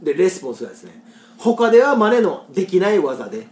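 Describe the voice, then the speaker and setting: A woman's voice: lowish voice, big pitch swings, fast talker, darkish tone. A woman from Kagoshima hosting a podcast, reading out listener poems and explaining local dialect words, laughing often. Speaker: podcast host. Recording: roomy echo.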